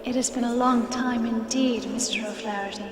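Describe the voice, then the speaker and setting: Ghostly noblewoman for a game: woman acting gentle, formal, sorrowful, higher-pitched, long reverb. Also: steady tone, noisy background, lightly acted. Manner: solemn, slow, formal. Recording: echoing long reverb under loud music.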